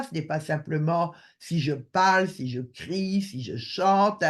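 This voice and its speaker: A man giving an online lecture over a video call, hesitant with many filler sounds. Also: high-pitched.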